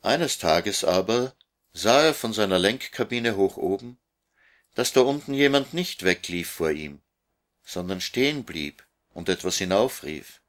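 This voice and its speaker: A man reads a children's storybook aloud in a low voice. His pace is measured and his narration is plain. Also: lively intonation, a bit bright. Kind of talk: storybook reading.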